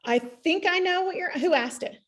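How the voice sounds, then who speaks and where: A woman with a very high, a bit bright voice speaks at a moderate pace. An energy practitioner teaching a live online class, she answers a student's question casually, chatting, interrupting herself, and frequently restarting her sentences.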